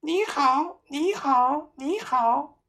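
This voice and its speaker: A woman's voice: high voice, animated, extremely slow, fairly bright tone, pitched above the performer's own voice, full character voice. A woman voicing a chattering pet parrot that keeps repeating its greeting in a squawky voice. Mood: chirpy. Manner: repetitive, squawking.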